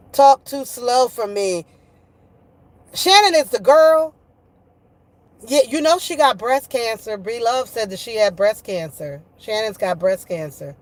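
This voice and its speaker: Higher-voiced woman, slangy casual livestream chat. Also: no room sound. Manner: slangy, profane, gossipy; repeats her phrases for emphasis. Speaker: online streamer talking with live chat viewers.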